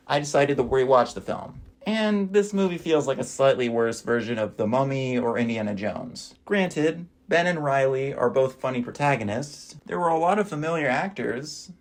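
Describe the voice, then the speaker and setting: A man giving a casual, wry voice-over review of movies he watched, with dry asides. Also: mid-range voice.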